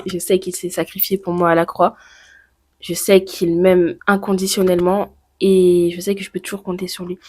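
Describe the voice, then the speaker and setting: In her personal vlog, a teen YouTuber from France muses out loud to the camera, peppering her talk with fillers and questions she doesn't expect answered. Her voice sits in the middle range and has a slightly mellow quality.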